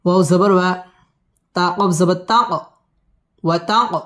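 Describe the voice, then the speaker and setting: A man teaching tajweed, spelling out verses letter by letter and chanting them in a measured, drawn-out way. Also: high voice, fairly even intonation, a bit bright. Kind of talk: slow letter-by-letter spelling and melodic recitation.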